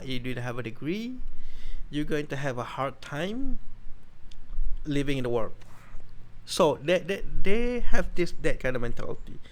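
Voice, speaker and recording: Young man, rambling self-correcting vlog storyteller, mid-pitched voice. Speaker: vlogger.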